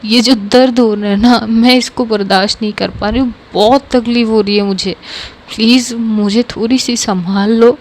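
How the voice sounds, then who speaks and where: A woman's voice: fairly high pitch, steady tone, moderate pace, a little mellow, a little hiss or hum, close to an everyday voice. Woman doing a heartbroken pleading young woman. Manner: tearful, pleading, repeating please. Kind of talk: storytelling narration.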